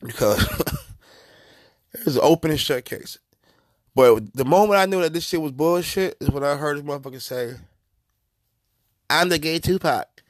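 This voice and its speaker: A man hosting a podcast, giving profane, mocking comedic commentary in an animated way. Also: on the high side, normal speed, long pauses, dry recording, clean studio sound. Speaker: podcast host.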